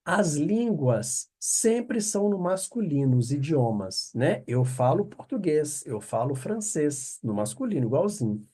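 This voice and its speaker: A man teaching French online. He explains patiently, checks in often with quick questions, and repeats the French words slowly. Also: on the high side, sing-song, dark tone, husky. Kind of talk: online language lesson.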